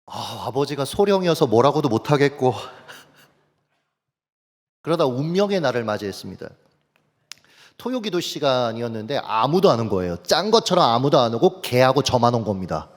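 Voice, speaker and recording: Lively male pastor in a reverberant church. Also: medium pitch, a little fast. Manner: animated, anecdotal, addresses congregation directly. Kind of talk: sermon with personal storytelling. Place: church sanctuary. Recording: long church hall reverb.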